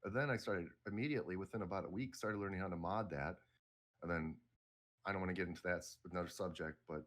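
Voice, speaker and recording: Middle-aged male guest, very low voice, loose rambling delivery. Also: a bit bright. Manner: rambling, self-correcting, laid-back. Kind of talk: casual interview talk.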